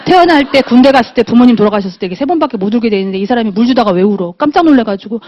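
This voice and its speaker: A middle-aged woman gives an emotional testimonial speech, slipping into little acted-out exchanges as she tells her story. Her voice sits a little high. The recording is dull and lo-fi. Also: expressive, very fast, a little mellow. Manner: emotional storytelling, acting out quoted dialogue. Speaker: motivational speaker. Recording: dull lo-fi audio.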